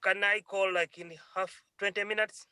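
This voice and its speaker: A man joins a meeting over a clipped, breaking-up call line. His voice sits high and bright, dry and close. He sounds hesitant and keeps checking that he is heard. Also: flat delivery, normal speed, smooth, no room sound. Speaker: remote meeting participant. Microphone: remote call audio.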